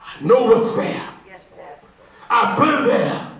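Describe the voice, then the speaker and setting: A man preaching a sermon in a church sanctuary, speaking into a handheld mic with impassioned, drawn-out calls to the congregation. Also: very high voice, big pitch swings, noisy background. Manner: impassioned call-and-response preaching, shouting in sustained whoops. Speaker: pastor. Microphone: handheld microphone. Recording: very echoey church from far off, with congregation and organ.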